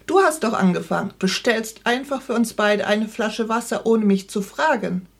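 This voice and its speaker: A woman reading aloud as an irritable, sharp-tongued middle-aged wife who snaps sarcastically. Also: fairly high pitch, normal speed, creaky, slightly rough. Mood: irritated. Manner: snappy, sarcastic read dialogue.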